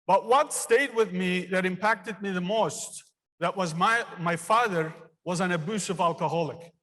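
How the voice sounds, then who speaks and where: Earnest professor from Turkey, fifties, man with a fairly high voice, speaking at a commencement in a big theater. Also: bright, forceful tone. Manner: earnest, personal storytelling with pauses. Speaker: engineering professor giving a commencement speech. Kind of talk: commencement speech. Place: large theater. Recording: long reverb of a large hall.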